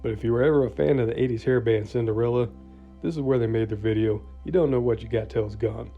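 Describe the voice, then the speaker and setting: A man's voice: mid-range voice, fairly even intonation, fast. A man narrating a travel vlog in a scripted voice-over, informative with dry asides. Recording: dull lo-fi voice-over with music.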